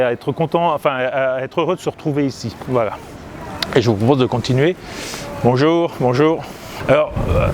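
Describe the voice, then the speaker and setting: A man, a comic book artist, chats casually while strolling outdoors, pausing often with fillers and restarts. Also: mid-range voice, a little mellow, a little hiss or hum. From Italy and Grenoble, France. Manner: hesitant, many fillers and restarts. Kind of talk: casual walking chat to camera. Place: outdoors, seaside town streets and ramparts.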